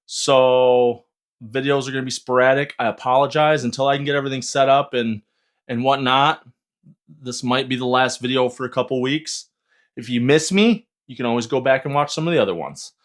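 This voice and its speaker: In casual vlog talk, a young man buzzing from an energy drink rambles hesitantly about 3D printing, full of filler words. He speaks a little fast in a medium-pitched voice.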